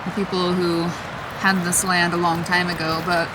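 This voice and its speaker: A woman talking casually in an excitable, chatty way as she questions spirits aloud in a vlog. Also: on the low side, normal speed. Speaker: paranormal investigator. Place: outdoors in a forest at night. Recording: distant mic, clearly noisy outdoor ambience.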